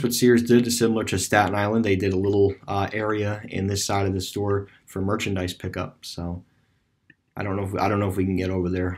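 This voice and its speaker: Rambling low-voiced New man. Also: a little mellow. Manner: rambling, many fillers and restarts. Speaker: video creator touring a closed store on street view. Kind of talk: casual screen-recorded commentary. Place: at a computer, voice-over on screen recording.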